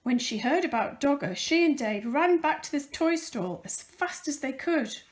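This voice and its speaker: Her voice sits high and moves at normal speed as she volunteers as a storyteller, reading a children's picture book with careful, expressive emphasis.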